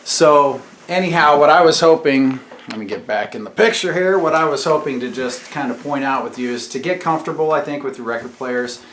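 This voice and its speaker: This father and YouTube host talks a little fast with few pauses, his voice on the high side and a bit bright. He's filming a relaxed vlog in a room at home, teaching as he goes and quizzing his children. The room echoes, and there's faint noise in the background.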